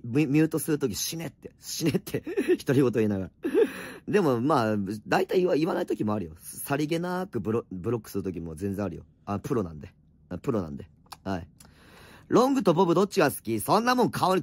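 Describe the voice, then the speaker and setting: A middle-aged man with a slightly hoarse voice rattles through viewer comments on a late-night home livestream. His speech is quick and lively and swings widely in pitch, with blunt, teasing replies and muttered asides. The sound is close and dry, with no room around it. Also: no echo. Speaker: streamer reading and answering viewer comments. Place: at home, wrapped in an electric blanket.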